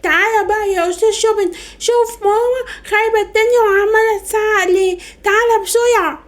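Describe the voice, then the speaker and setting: A woman's voice: very high-pitched, steady tone, fast talker, voice pushed up. A woman with an Egyptian Arabic accent voicing a teasing teenage daughter in a comedy sketch, urgently calling her brother.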